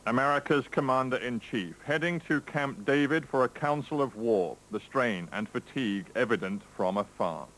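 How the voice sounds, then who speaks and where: A man reporting as a television news correspondent in a measured, grave scripted delivery, heard from a worn videotape copy. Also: mid-range voice, lively intonation, a bit bright, rough recording. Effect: worn VHS tape copy.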